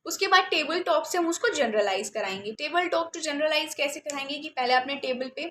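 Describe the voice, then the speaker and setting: A woman's voice: sits high, moderate pace, pushed and bright, echoey room, a little hiss or hum. A woman, a special educator explaining reading steps in a patient teaching talk, often checking in with her listeners.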